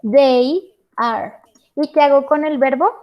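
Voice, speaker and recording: A woman's voice: high voice, slow, dull audio. Woman teaching English patiently. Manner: patient, checks understanding with questions. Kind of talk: online English class in Spanish.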